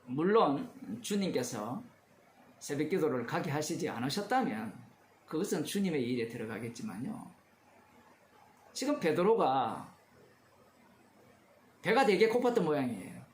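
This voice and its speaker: A man's voice: fairly high pitch, very animated, a little slow, pauses often, echoey room. A male pastor giving a conversational expository sermon, asking his congregation questions as he explains the text. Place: church.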